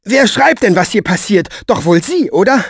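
A man doing a shrill, bossy, stout woman. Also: animated, normal speed, husky, no echo, studio quality, full character voice. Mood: indignant. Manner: shrill, breathless, barrages of questions. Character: bossy stout middle-aged woman, loud and pushy.

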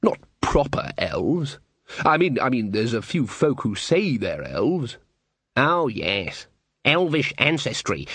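A grumbling rustic local man, put on by an audiobook narrator, speaking with slow, halting scorn. His pitch swings widely while the pace drags. The voice is very husky and dry, close to the mic. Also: a bit bright, no room sound, exaggerated voice. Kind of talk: audiobook character reading.

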